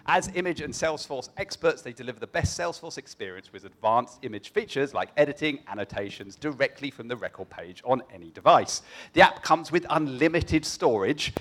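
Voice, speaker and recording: A man hosting a live demo event, introducing the next presenter in an energetic announcer manner. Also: medium pitch, fairly quick, few pauses. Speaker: event host.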